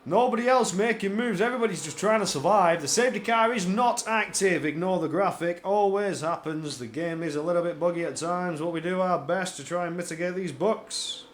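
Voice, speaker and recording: High-pitched excitable male racing commentator. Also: fairly quick, few pauses, a little hiss or hum. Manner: excitable, repeats phrases for emphasis. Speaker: esports motor racing commentator. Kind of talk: live play-by-play racing commentary.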